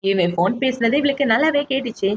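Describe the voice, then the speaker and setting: A woman narrating a drama recap as a story, briskly retelling each scene and speaking the characters' lines herself. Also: fairly high pitch, expressive, slightly rough, lo-fi sound.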